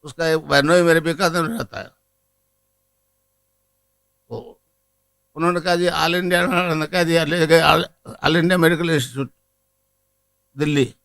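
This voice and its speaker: An older man from India gives a spiritual discourse as a guru. His voice sits high and sounds bright and forceful. He moves between storytelling and leading the gathering in a repeated mantra. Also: steady tone, moderate pace, gravelly, long pauses, low-quality recording. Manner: storytelling, then leads chanting of a mantra.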